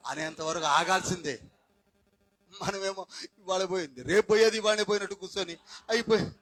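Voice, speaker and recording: Preaching a Pentecostal sermon, a pastor whose voice sits on the high side peppers the congregation with questions. He alternates between shouting and quiet asides, slipping in English phrases, and the recording is low quality.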